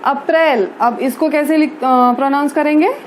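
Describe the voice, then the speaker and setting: In this Hindi-language English vocabulary lesson, a woman with a high, darkish voice repeats every word with patience and spells it letter by letter, frequently adding "theek hai" at a slow pace. A faint hiss or hum is audible.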